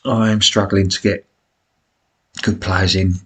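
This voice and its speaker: A British man with a smoker's rasp and cough, giving chatty, blokey, self-deprecating commentary on a football management game as he live streams. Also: deep voice, flat delivery, measured pace, a bit bright.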